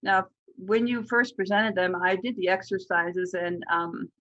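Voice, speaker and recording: Brief: questioner, bright tense voice, hesitant and polite, dull lo-fi audio. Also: mid-range voice, level tone, measured pace. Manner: friendly and tentative, with fillers. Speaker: questioner in a session.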